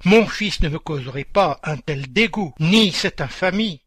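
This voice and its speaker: A man's voice: fairly high pitch, normal speed, bright, forceful tone, no room sound. A man voicing a proud, cruel rich landowner woman who gives harsh orders and mocks her servant. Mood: furious. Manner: harsh, scornful, commanding. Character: haughty, cruel rich plantation mistress.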